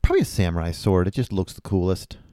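Low deep guy, rambly and unsure, lots of ums, dry close sound, casual podcast. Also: sing-song, fast talker, dark tone, dry recording. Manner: rambling, hesitant, many fillers. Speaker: podcast co-host. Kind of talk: casual chat.

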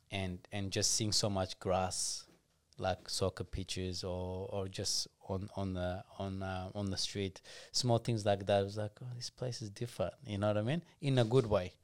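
A man, on a podcast as a guest, talking through his story in a soft-spoken, unhurried way. His voice sits low and smooth, with very little rise and fall. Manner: soft-spoken, unhurried, acts out his younger self in quotes. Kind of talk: casual storytelling.

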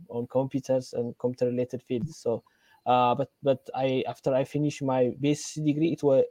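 A young man from Ethiopia, a guest in an interview, telling his story hesitantly with many pauses. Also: medium pitch, warm tone, no room sound. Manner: hesitant, many fillers and restarts. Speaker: fellowship guest, computer engineering lecturer. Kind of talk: casual interview talk.

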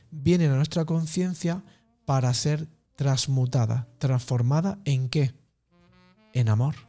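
A man calmly explaining emotions as a guest, in a slow, measured, spiritual teaching manner. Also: fairly high pitch. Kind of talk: calm reflective explanation.

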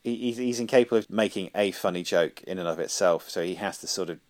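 A man's voice: sits low, quick pace, no room sound. A man co-hosting a comedy podcast, teasing with dry wit. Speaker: podcast co-host. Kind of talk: casual comedic chat.

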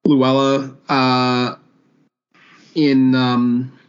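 A man's voice: mid-range voice, completely flat delivery, extremely slow, clean tone. A man with a mid-range voice co-hosts a casual sports podcast. He reels off stats and records, padding them with ums and uhs. The audio sounds somewhat dull and lo-fi. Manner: reels off stats with many fillers. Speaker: podcast co-host.

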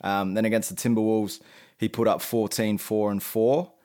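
A man's voice: lowish voice, level tone, moderate pace, dark tone. A man co-hosting a casual sports podcast, speaking with many ums and rattling off game stats. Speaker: podcast co-host.

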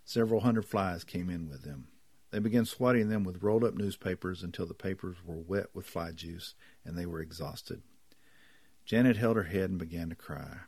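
A man narrating a story in a measured, even reading voice. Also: low voice, slightly rough, dry recording.

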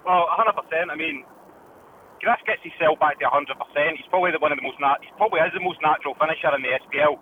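A Scottish caller comes through a tinny phone line with a faint hiss behind him. He talks fast and his voice sits a bit high for a man. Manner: opinionated, says "do you know what I mean". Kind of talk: casual phone-in chat.

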